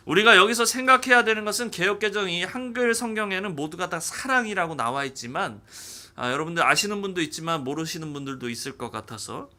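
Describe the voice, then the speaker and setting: Male pastor, high bright voice, lively sermon delivery with acted-out quotes. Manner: animated, acting out dialogue in quotes.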